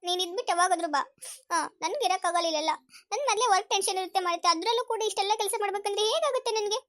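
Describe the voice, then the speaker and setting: A woman's voice: very high-pitched, racing, fairly bright tone. A woman voicing a fed-up young wife who complains and pleads, repeating herself.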